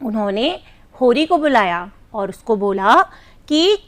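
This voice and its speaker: A woman teacher telling a story to young children in a gentle, coaxing manner, often asking them questions. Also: on the high side, sing-song, measured pace. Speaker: primary school teacher.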